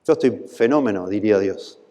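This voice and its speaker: Rioplatense pastor preaching in a reverberant hall. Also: male voice, fairly low pitch, lively intonation, brisk, dark tone. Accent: Rioplatense Spanish. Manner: impassioned, rising to pleading peaks. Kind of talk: sermon.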